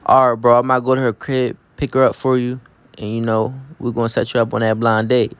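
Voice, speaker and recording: A man's voice: medium pitch, completely flat delivery, brisk, smooth, no room sound. A man hosting a comedy skit, talking in slang in a bossy, teasing way.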